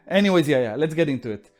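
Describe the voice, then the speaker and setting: A man's voice: fairly high pitch, lively intonation, brisk. A man co-hosting a casual podcast, ranting with exasperated, profane outbursts. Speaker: co-host.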